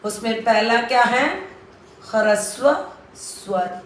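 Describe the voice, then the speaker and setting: A woman's voice: on the high side, fairly even intonation, slow, reverberant, a little hiss or hum. A woman from South India with a South Indian accent, teaching children a Hindi grammar lesson patiently, repeating and drilling sounds and mixing in English words.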